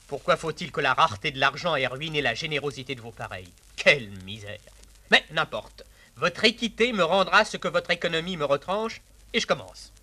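A sly, boastful valet. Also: male voice, on the high side, expressive, a little fast, bright, forceful tone, full character voice. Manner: wry, theatrical, relishes his own cleverness. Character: sly scheming male valet, mocking and talkative. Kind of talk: 1950s classical stage comedy.

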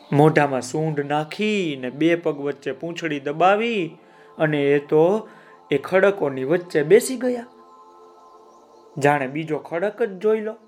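A man telling a children's story in an expressive, lively way, asking his listeners questions. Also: on the high side.

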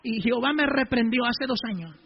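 Fervent high-voiced male preacher. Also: lively intonation, a little fast, breathy edge, highs cut off. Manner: fervent, swings between shouting and hushed tones. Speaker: preacher giving testimony. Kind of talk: impassioned sermon testimony.

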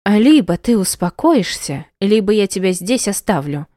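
Cold, threatening young wife, put on by a woman reader; sharp, hissing delivery, raised voice. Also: fairly low pitch, lively intonation, measured pace, no room sound, clean studio sound. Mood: furious. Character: spiteful rich young wife, cold and domineering.

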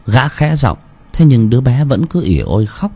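Mellow, husky male storyteller. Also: medium pitch, big pitch swings, normal speed. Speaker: audiobook narrator. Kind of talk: storytelling narration.

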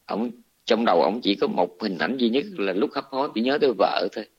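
A man with a Southern Vietnamese accent, a Buddhist monk giving a dharma talk, retelling a scripture story in a colloquial, animated way. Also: on the low side, fairly quick, breathy edge. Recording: dull lo-fi recording.

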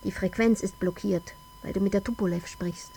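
An actress playing a relentless narrator who questions in measured, accusing second-person lines, in a radio drama. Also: female voice, medium pitch, fairly even intonation, creaky, warm tone, a little hiss or hum, close to an everyday voice. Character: woman narrator-interrogator, cool and relentless.

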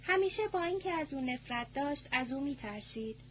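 Woman narrating a novel, high voice. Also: expressive. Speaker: audiobook narrator. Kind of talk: scripted narration. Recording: muffled with faint hum.

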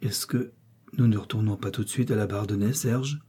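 A man voicing a timid, tearful young bride who pleads softly with her husband. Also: medium pitch, brisk, husky. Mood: pleading.

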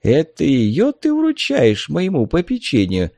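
A man voicing a courteous older male merchant in a storybook reading, polite and measured. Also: on the high side, huge pitch swings, vocal fry, warm tone, dry recording, clean studio sound, voice pushed up, heavily acted.

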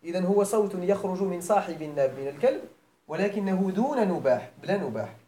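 Speaking fast with lively intonation, a middle-aged Moroccan-accented man with a high, dark-toned voice walks his grammar students through the material step by step. He repeats phrases, frequently asks if they're following, and shifts between formal Arabic and dialect. The room is echoey, with slight background noise.

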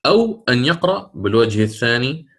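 A man teaching Quran recitation rules. He explains them step by step, drawing out the recited examples slowly and often checking with his students. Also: medium pitch, very animated, a bit bright. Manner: slow, drawn-out recitation of examples between plain explanation; asks check questions of students. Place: lesson recorded for an online institute.

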